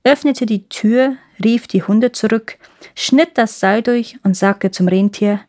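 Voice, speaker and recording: A woman storyteller reading a fairy tale aloud in a calm, expressive way. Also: on the high side, slow, no room sound, studio quality.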